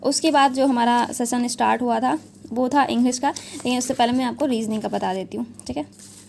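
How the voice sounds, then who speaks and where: Chatty young woman, higher voice. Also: brisk, creaky, a little mellow, slight background noise. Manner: chatty, repeats "theek hai" often, mixes English into Hindi. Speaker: exam prep educator. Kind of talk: casual exam analysis talk.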